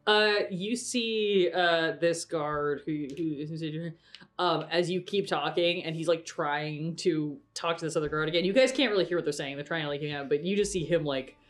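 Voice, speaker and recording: A woman's voice: sits low, normal speed. A woman narrating a tabletop game as game master, chatty and full of fillers and restarts.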